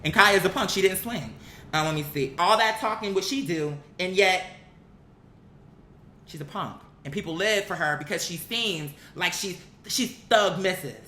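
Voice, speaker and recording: At normal speed and with a sharp tone, an online commentator in young adulthood lets loose an exasperated rant full of casual swearing and repeated phrases. It's captured in an echoey space with faint rumbling noise.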